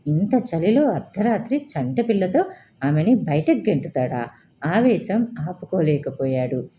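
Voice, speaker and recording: A woman narrating a story as an audiobook reader, in a calm, measured way. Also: lowish voice. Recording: dull lo-fi with faint hiss.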